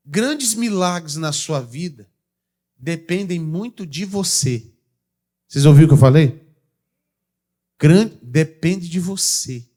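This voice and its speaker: A man with a Brazilian Portuguese accent preaching a sermon in church, calling out to the congregation and swinging between loud declarations and quiet asides. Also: sits high. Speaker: pastor.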